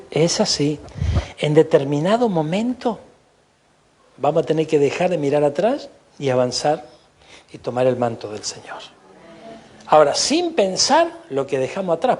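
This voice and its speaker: A man's voice: a little high, darkish tone, slight background noise. A man with an Argentine Spanish accent preaching a sermon as pastor, emphatic, with frequent asides of praise.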